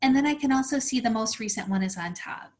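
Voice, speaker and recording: A woman leads a teacher training webinar, explaining each step in a friendly, practical way. Her voice sits a little high, and she links her points with many "so"s. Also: fast talker, a little mellow. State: slightly out of breath. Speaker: teacher trainer presenting a workshop. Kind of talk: instructional webinar walkthrough.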